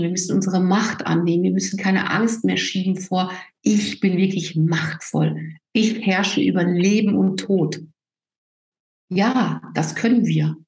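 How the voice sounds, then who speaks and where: A woman's voice: medium pitch, a little mellow. Emphatic woman coach, echoey room. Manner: emphatic, frequent "ne?" tag questions. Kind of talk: casual interview chat.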